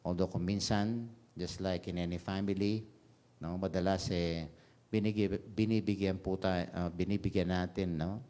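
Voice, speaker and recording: A man's voice: sits low, fairly even intonation, moderate pace, dark tone. A Filipino priest delivering a homily at a Mass broadcast on radio, mixing English into his talk and often adding "no?" as a tag. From Philippines. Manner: switches between Tagalog and English, frequent "no?" tags. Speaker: parish priest. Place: radio station chapel.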